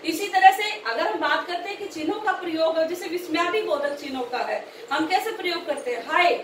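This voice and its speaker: High-voiced woman lecturing in an echoey room. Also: brisk, far from the mic, a little hiss or hum. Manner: explains with rhetorical questions and repeated checks. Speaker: teacher educator. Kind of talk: recorded Hindi grammar lecture.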